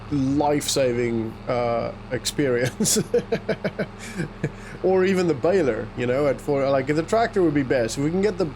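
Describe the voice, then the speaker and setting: A gaming YouTuber whose first language is Afrikaans rambles and talks to himself while playing a farming game, chuckling along in casual let's-play commentary. He has a mid-range, darkish-toned voice, with slight background noise in the recording.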